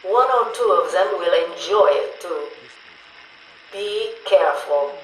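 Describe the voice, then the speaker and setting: An actress playing a sober, cautionary senior asylum doctor on a video game interview tape. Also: female voice, on the low side, animated, slow, a bit bright. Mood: grave warning. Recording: roomy, noisy, distant interview tape.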